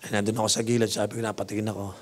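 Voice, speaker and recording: A man's voice: on the low side, level tone, very fast. A male bishop preaching a sermon, telling stories with humor and mixing English phrases into his talk. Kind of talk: sermon with storytelling.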